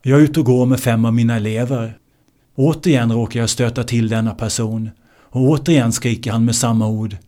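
A man teaching meditation in a slow, measured way, repeating key words for emphasis. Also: medium pitch, steady tone, dark tone. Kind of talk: spiritual teaching talk.

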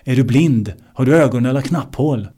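A man voicing an angry man who shouts sharp, scolding insults in an example story. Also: medium pitch, slightly rough, lightly acted.

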